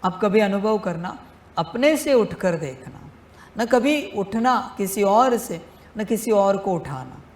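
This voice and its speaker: A male spiritual teacher giving a devotional discourse, speaking deliberately and repeating phrases for emphasis, addressing listeners fatherly as his children. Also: sits high, big pitch swings, darkish tone, roomy sound.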